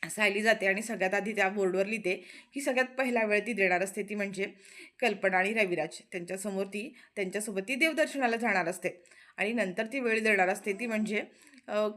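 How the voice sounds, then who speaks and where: A woman retelling a TV serial episode in a casual recap, quoting the characters' lines as she goes. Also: mid-range voice. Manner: quick, animated retelling with quoted lines.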